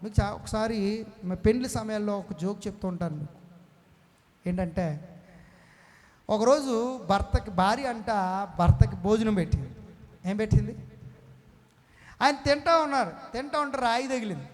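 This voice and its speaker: A male pastor preaching a sermon to a congregation, telling jokes, asking the people questions and calling for responses, building to emphatic shouts. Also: high voice, lively intonation, moderate pace, pauses often. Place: prayer hall before a congregation. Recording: echoey prayer hall with long reverb.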